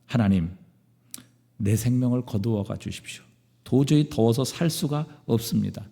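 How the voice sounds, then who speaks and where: A man's voice: mid-range voice, moderate pace, gravelly, warm tone, natural voice. A man voicing an angry male prophet who pleads and argues with God in exasperation, in a reverberant church. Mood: pleading, angry.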